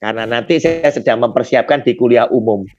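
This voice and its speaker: A man's voice: mid-range voice, a little fast, a little mellow, a little hiss or hum. A man leading a Bible study, explaining points with rhetorical questions he answers himself and often addressing his listener as sir. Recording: dull lo-fi recording.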